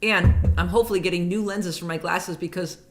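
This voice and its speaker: A woman's voice: on the low side, steady tone, a little fast. A woman hosting a casual online music show, chatting with viewers, reading their comments aloud and telling rambling stories between songs.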